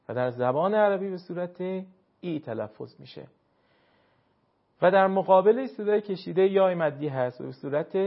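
A man with a fairly high voice gives a Quran reading lesson, explaining each step in a measured, deliberate way. He slows down and draws out key words when he stresses a point. The recording sounds muffled and low-fidelity. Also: vocal fry. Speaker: Quran recitation teacher.

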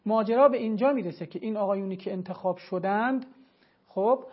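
Emphatic male religious scholar, lo-fi. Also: sits high. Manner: emphatic, argumentative, cites sources. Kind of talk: televised religious lecture.

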